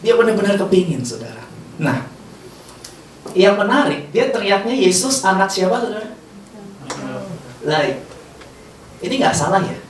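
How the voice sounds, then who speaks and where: Lively preacher in an echoey hall. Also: medium pitch, measured pace, pauses often. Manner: lively call-and-response with the congregation; playful, teasing, laughs often. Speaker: pastor. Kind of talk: sermon. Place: large hall with a congregation. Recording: roomy hall, distant mic, faint noise.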